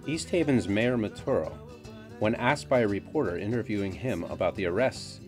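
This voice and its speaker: A man with a lowish voice reads documentary narration in a measured, formal way. Clear music runs beneath his words. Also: expressive. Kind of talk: scripted narration. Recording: music bed under narration.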